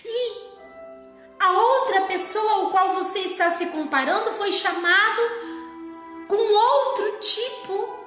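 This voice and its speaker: A woman preaching a sermon, slow and emphatic, sometimes sliding into song. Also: extremely high pitch, sharp tone, soft background music. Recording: echoey room.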